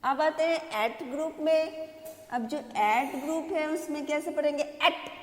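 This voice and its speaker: A woman teaching a phonics lesson to young children, drawing out each sound and quizzing the class again and again. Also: high-pitched. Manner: slow, drawn-out, repeats and quizzes the children. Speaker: kindergarten teacher. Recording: echoey hall.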